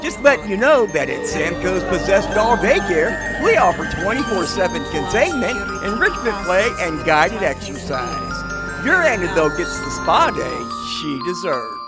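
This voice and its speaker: A man playing a slick, cheery pitchman in a parody radio commercial. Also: sing-song, unhurried, loud music behind the voice. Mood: slick cheer.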